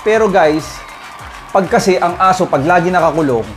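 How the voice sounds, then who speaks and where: This man's voice sits high, with lively intonation and a normal speed. He's a dog breeder chatting casually to viewers at his home kennel, speaking to them directly, often saying "guys" and "oh" as he points things out. Music plays underneath his voice.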